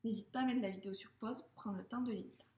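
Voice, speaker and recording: A woman teaching first graders to read, speaking slowly and patiently, sounding out syllables and gently encouraging the child. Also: mid-range voice, steady tone. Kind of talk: slow, patient reading lesson for young children. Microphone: camera. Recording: echoey room.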